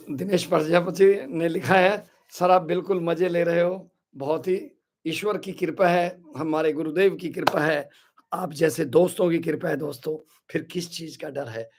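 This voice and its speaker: Slow-talking Indian man in his sixties. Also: a little high, slightly rough. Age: 60s. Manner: greets viewers by name, upbeat, repeats "my dear friends". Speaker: webinar host. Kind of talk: live motivational webinar, mixing Hindi and English. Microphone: live stream to social media.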